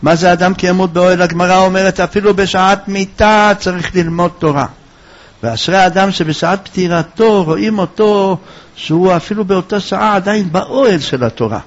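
A rabbi teaching a religious lesson, telling a story in an animated way and acting out its voices. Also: male voice, sits high. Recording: dull lo-fi recording.

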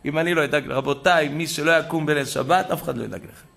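A man preaching a sermon to a congregation, telling a story with animated swings between loud exclamations and hushed asides. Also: on the high side, vocal fry. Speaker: rabbi preacher.

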